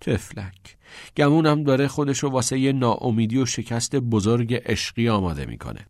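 A man doing a patient, soft-spoken schoolboy. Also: mid-range voice, animated, no echo, clean studio sound, lightly acted. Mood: calm. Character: calm, patient teenage schoolboy leader.

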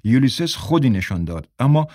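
A man reads a novel aloud at a steady, measured pace, close to a studio mic. His voice is mid-pitched and completely dry, with no room sound around it. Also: no room sound. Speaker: audiobook narrator. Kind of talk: scripted narration.

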